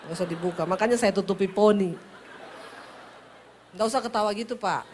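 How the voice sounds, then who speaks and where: A woman's voice: medium pitch, brisk, a little hiss or hum. Teasing middle-aged woman preacher from Sulawesi. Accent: Sulawesi Indonesian. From Sulawesi, Indonesia. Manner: lively storytelling, punchy and teasing. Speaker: pastor. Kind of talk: humorous sermon.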